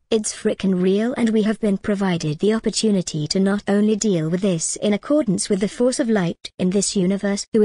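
A woman speaks straight to her viewers in a scripted monologue, earnest and persuasive but slipping in wry little jokes. Her pitch sits in an ordinary middle range, and the recording is dry and close, with no room sound around her. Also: dark tone, no room sound. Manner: wry, jokey asides amid earnest persuasion. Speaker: video creator.

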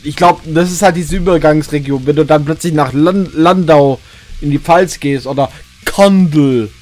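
High-voiced man. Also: normal speed, darkish tone, faint music behind. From West Palatinate, Germany. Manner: rambling, repeats words while searching for them. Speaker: streamer host. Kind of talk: casual live-stream chat.

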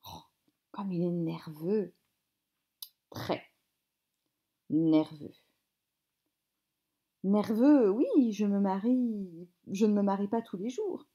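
Slow, mellow woman acting a comic play. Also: mid-range voice, expressive. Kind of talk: acted reading of a comic stage play.

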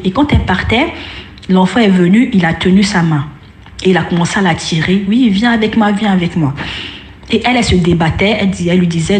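A woman casually telling a ghost story, hesitant, with many fillers and restarts. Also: fairly low pitch. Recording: roomy echo.

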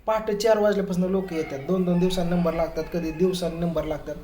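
A man's voice: high-pitched, fast. A man telling a family story to the camera in a casual way, acting out what others said. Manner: lively retelling that acts out others' quoted words. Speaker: family vlogger. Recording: echoey room with faint ambient noise.

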